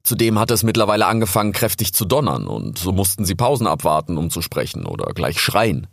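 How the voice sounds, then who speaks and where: Calm man reading a storybook. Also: low voice, a little fast, vocal fry, no room sound, studio quality. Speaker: audiobook narrator. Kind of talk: scripted storybook narration.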